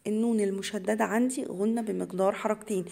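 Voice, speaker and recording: Mellow Egyptian woman teaching Quran recitation. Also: medium pitch, steady tone, creaky. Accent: Egyptian Arabic. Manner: explains rules briskly, then recites words slowly and drawn out. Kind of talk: tajweed lesson for beginners.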